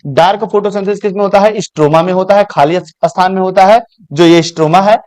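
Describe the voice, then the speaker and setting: A man's voice: sits high, fairly even intonation, fast talker, darkish tone, dry recording. A male coaching teacher giving a classroom biology lecture, asking questions and answering them himself as he explains to his students.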